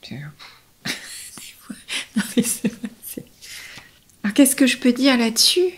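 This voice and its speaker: A woman voice-over announcer chatting playfully in an interview, often dropping into breathy whispered asides. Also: fairly high pitch, big pitch swings, takes it slowly. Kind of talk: relaxed interview chat.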